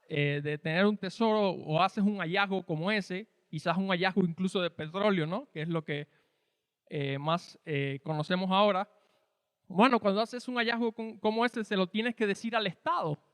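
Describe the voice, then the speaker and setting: Man, Cuban accent, preacher, high voice, dry close sound with a long hall tail. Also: normal speed, fairly bright tone, clean tone. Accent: Cuban Spanish. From Cuba. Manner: explanatory, conversational, rhetorical questions. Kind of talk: sermon teaching.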